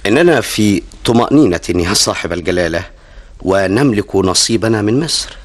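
A deep-voiced cautious commander. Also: male voice, expressive. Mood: complacent. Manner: measured, cautious. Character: complacent old army commander addressing his king.

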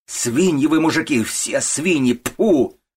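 A man's voice: mid-range voice, fairly quick, slight background noise, voice pushed up, close to an everyday voice. A man doing a furious old working-class mother. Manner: shouting, scolding, contemptuous. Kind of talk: audiobook character voice.

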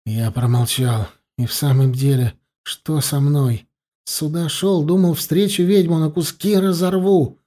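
A man reading first-person fantasy narration for an audiobook in an expressive, lively way. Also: on the high side, measured pace. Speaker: audiobook reader.

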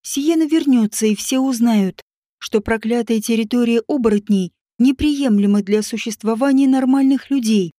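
A woman narrating a fantasy story in an even, dramatic reading style. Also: a little high, normal speed, no echo, clean studio sound. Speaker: audiobook narrator. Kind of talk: scripted narration.

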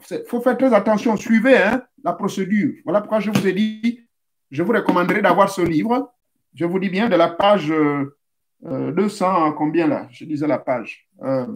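A man from Central Africa explaining a spiritual rite step by step, speaking directly to his listeners and repeating key points. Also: high-pitched. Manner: didactic, addresses listeners directly, repeats steps. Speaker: spiritual teacher. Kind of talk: instructional talk.

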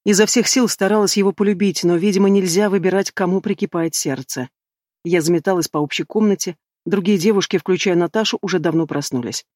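A man narrating an audiobook in a measured, even reading style, close to the mic. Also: sits high, no room sound. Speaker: audiobook reader. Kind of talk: scripted narration.

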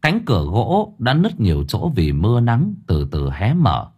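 Expressive male horror audiobook narrator. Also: mid-range voice, a little slow, slightly rough, lo-fi sound. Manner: expressive, dramatic storytelling. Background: faint music.

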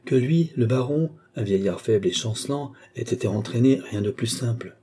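A man reading a classic novel aloud with measured, expressive narration. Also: medium pitch. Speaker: audiobook reader.

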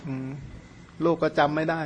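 A male Buddhist monk from Surin in northeastern Thailand, a native Khmer speaker, gives a casual, conversational Dhamma talk at a moderate pace, with gentle chuckles.

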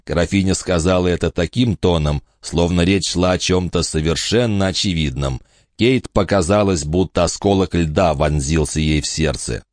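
A man narrating an audiobook in a calm, measured storytelling manner. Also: sits low, no echo, clean studio sound. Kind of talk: scripted narration.

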